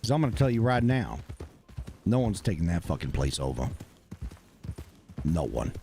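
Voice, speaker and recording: A man, speaking gruffly and bluntly in character during a roleplay game stream, swearing often. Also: sits low, very animated, moderate pace, warm tone, slight background noise.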